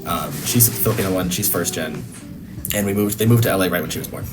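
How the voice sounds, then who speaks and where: A man in his early twenties introducing himself briskly and casually, with fillers. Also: low-pitched, over music. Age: 20s. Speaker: interviewee. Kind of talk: casual interview answers.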